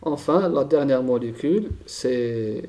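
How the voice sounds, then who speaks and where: A man's voice: mid-range voice, animated, slow pace, warm tone. A man teaching a chemistry lesson, thinking aloud and repeating key terms, often checking with "d'accord?".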